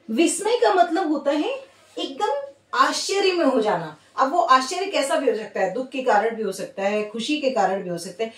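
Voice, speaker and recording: A woman teaching a grammar lesson who explains patiently, repeats key words and answers her own questions, mixing English words into her talk. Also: high voice. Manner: mixes English words into Hindi. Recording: echoey room, voice a bit far from mic.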